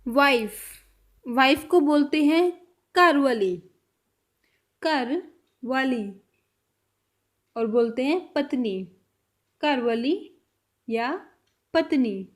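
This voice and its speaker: A woman teaching a vocabulary lesson, saying each word and then repeating it, with her voice trailing off softly at the end of a phrase. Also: high voice, extremely slow, long pauses. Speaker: language teacher.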